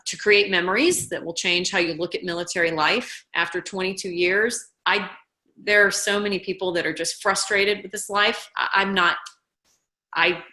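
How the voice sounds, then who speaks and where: A woman's voice: lowish voice, bright, forceful tone. A woman in her forties giving an earnest, encouraging webinar talk to other military spouses. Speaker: webinar presenter. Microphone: computer mic for a webinar. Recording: echoey room.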